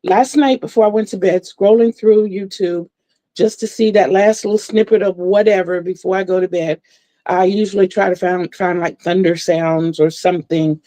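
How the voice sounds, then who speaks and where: Chatting from a home room lit by a floor lamp, this livestream vlogger in her sixties talks casually to her viewers with frequent laughter and repeated words. The voice is warm and on the low side, recorded dry.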